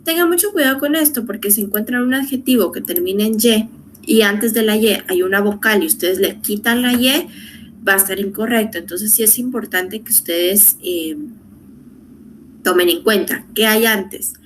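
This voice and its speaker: Female teacher, mid pitch, patient and methodical, faint hiss behind. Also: normal speed, fairly bright tone. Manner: patient, repeats rules step by step, asks rhetorical questions. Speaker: English teacher. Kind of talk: online grammar lesson.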